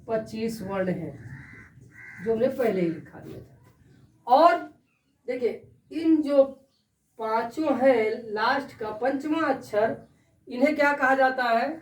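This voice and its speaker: A woman's voice: a little high, animated, takes it slowly, long pauses. A woman teaching a Sanskrit grammar lesson, asking her students questions and then answering them herself. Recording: echoey room, voice from far off.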